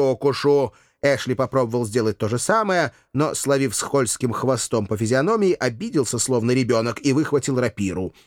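A man's voice: mid-range voice, no room sound, studio quality. A man narrating a comic fantasy audiobook in the first person, with a wry, ironic manner.

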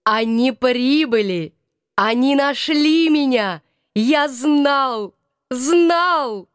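A woman's voice: high voice, animated, a little slow, no echo, studio quality. A woman reading the part of a jittery, touchy male scientist in an audiobook, with a shaky, self-important manner. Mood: elated.

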